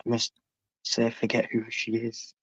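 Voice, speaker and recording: A man's voice: mid-range voice, monotone, a little slow, fairly bright tone, husky, no room sound. Dull-sounding man chatting casually. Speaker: talk show panellist. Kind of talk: casual chat. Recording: dull lo-fi microphone.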